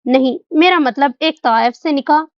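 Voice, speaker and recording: A man's voice: very high voice, normal speed, no echo. Incredulous male friend, narrator voicing; muffled audio. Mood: doubtful. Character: doubtful young male friend. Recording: dull dry recording.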